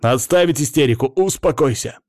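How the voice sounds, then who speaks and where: A man voicing a gruff young male special forces soldier who barks commands. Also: fairly high pitch, sing-song, slow pace, darkish tone, no echo, studio quality, voice pushed up, heavily acted. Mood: stern. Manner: barking commands.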